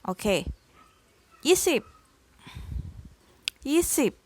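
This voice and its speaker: A woman teaching English numbers to young students, slowly spelling each word letter by letter and using polite particles. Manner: slow, spells words letter by letter. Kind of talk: slow number drill lesson. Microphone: phone screen recording.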